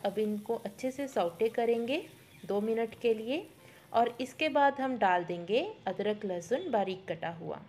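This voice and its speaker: In a medium-pitched, darkish voice, a cooking show host gives an instructional recipe voice-over. She guides the listener step by step and slips English words into her speech.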